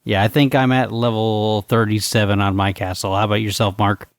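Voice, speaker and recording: A man's voice: fairly low pitch, flat delivery, a little fast, no room sound, studio quality. A man chatting casually as a panelist on a gaming podcast.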